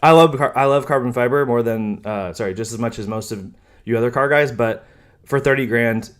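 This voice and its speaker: A man's voice: mid-range voice, brisk, smooth. A young man casually talking through car options in a vlog, rambling with many ums and self-corrections, now and then sarcastic. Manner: casual, chatty, slightly sarcastic. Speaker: car vlogger.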